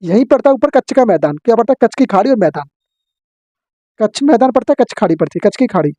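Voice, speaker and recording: A man teaching an exam-prep geography lesson, drilling his students with quick questions and answers. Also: sits high, expressive, mellow, no room sound, muffled recording.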